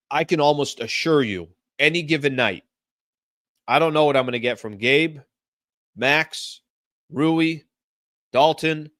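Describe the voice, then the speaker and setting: A man's voice: mid-range voice, fairly bright tone, no room sound, clean studio sound. A man hosting a sports talk show, giving an emphatic monologue with repeated rhetorical phrases and casual fillers. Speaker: sports podcast host.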